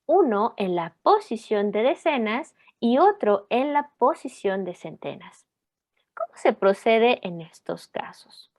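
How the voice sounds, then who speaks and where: A woman giving a scripted lesson narration, explaining in a measured, clear way and reading examples slowly. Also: fairly high pitch, big pitch swings, darkish tone. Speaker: language teacher.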